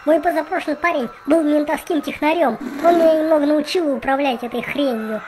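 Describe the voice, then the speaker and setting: A woman's voice: high-pitched, a little fast, close to an everyday voice. A woman voicing a bossy, brash, foul-mouthed young female cat in a parody cartoon with a noisy soundtrack. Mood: brash, confident. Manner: brash, slangy, excitable.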